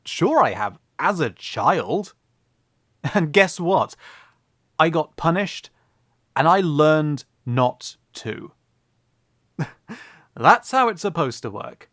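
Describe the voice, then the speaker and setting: A man's voice: fairly high pitch, very animated, slow, long pauses, a bit bright, no room sound, studio quality, exaggerated voice. An actor playing a young prince who fears his father, laughing nervously and then giving firm orders in a fantasy audio drama. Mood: resigned. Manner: nervous laughing, turns commanding.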